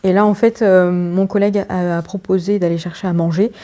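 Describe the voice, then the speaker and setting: A woman's voice: fairly low pitch, steady tone, brisk, mellow. A woman chatting casually at home in a vlog, rambling with many fillers and restarts. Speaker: vlogger.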